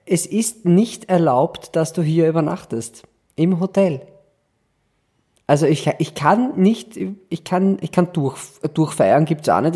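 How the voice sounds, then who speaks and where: A man's voice: on the high side, warm tone. A man hosting a casual podcast chat, joking and laughing often. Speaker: podcast host.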